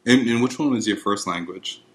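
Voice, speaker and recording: A man hosting a casual podcast interview, halting a little and repeating words as he starts his questions. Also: lowish voice, fairly bright tone. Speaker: podcast host.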